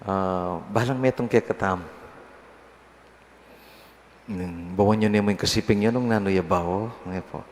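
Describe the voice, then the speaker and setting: A man's voice: on the low side, unhurried, long pauses. A middle-aged male priest from the Philippines giving a homily at Mass in a conversational, teasing way, chuckling at his own examples. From Pampanga, Philippines. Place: large church. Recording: long church reverb, faint noise.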